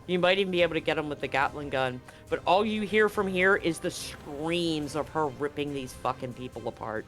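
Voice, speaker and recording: A game master with a fairly high-pitched, slightly bright voice runs a tabletop horror game at a brisk pace. He narrates dramatically and graphically, mixing in casual slang, while light music plays in the background.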